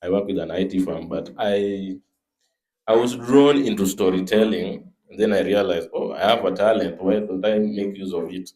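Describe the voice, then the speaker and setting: A man with a Kenyan accent, a comic artist guest speaking in a panel discussion in a measured, plainspoken way. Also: low-pitched, darkish tone, low-quality recording.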